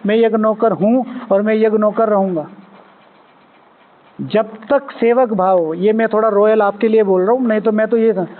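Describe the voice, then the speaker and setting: A man teaching a spiritual class in a conversational way, asking his listeners questions and acting out small scenes. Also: high-pitched. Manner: conversational, asks the audience, acts out little quoted scenes. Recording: tinny phone-like sound.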